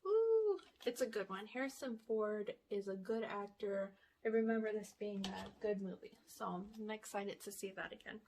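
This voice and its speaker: A woman's voice: mid-range voice, fairly even intonation, normal speed, hardly any pauses, a little mellow, slight background noise. A woman at home chatting her way through a shopping haul, rambling with fillers, a little out of breath. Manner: reads the blurbs on the backs of DVD cases aloud. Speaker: vlogger showing a shopping haul. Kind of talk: casual chat. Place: indoors at home, sitting in one spot.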